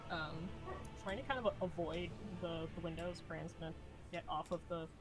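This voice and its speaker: Rpg player chatting, kinda tentative, working out moves out loud, music clearly behind. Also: medium pitch, fairly even intonation, moderate pace, poor audio. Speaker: player in a tabletop game. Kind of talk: casual game-table talk.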